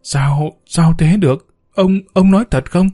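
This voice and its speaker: A man's voice: mid-range voice, normal speed, warm tone, husky, natural voice. A man voicing a frightened elderly housemaid in a spoken story, pleading and panicky. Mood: terrified pleading.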